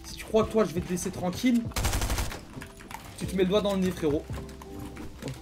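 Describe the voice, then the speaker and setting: A young man commenting his own gameplay, excitable and slangy, taunting the players he fights. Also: high-pitched, a little fast. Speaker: gaming YouTuber. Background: game music and gunfire.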